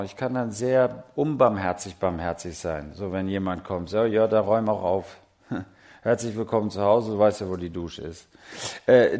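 A middle-aged man preaching a sermon, chatty and animated, swinging from soft asides to loud, emphatic peaks. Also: mid-range voice. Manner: chatty, asks the audience questions and laughs.

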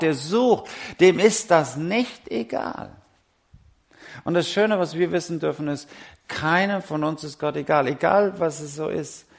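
A middle-aged man preaching a sermon, chatty and animated, swinging from soft asides to loud, emphatic peaks. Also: mid-range voice. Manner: chatty, asks the audience questions and laughs.

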